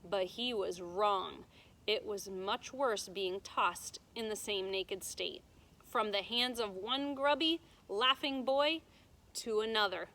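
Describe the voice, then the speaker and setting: With a mid-range voice, a woman teacher reads a children's storybook aloud, deliberate and expressive, explaining things to her students along the way.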